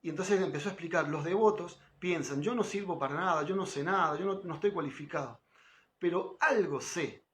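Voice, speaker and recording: A man's voice: on the high side, fairly quick, a bit bright, a little hiss or hum. A middle-aged man giving an informal devotional class, talking conversationally and often checking in with his listeners. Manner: conversational, frequent tag questions, quotes others with lifted voice. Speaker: spiritual teacher giving a class.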